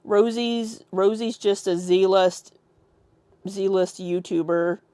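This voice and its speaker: A woman's voice: medium pitch, fairly even intonation, slow, warm tone, smooth, dry recording. Blunt, sweary woman chatting. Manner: blunt, sweary, reads chat aloud. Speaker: co-host. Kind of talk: casual chat on a livestream.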